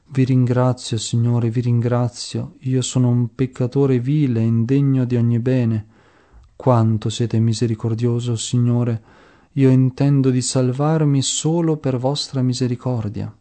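A man reading the part of a humble, dying old saint. He prays slowly and solemnly, pleading for mercy in a low, mellow voice. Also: little pitch movement, natural voice. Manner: slow, solemn, pleading prayer. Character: dying elderly male saint, humble, pious.

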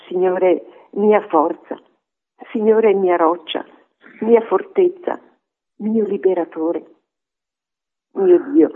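A man with a high voice reads a psalm slowly and reverently. The sound is thin and phone-like. His reading is measured and steady. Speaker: co-host reading scripture. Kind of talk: slow solemn reading. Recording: phone-like radio broadcast.

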